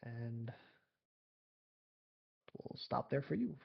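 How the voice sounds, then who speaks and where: A man's voice: medium pitch, animated, extremely slow, gravelly, husky. A man running a tabletop game as game master, narrating loosely with many fillers. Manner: rambling, full of fillers and restarts. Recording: dull lo-fi audio.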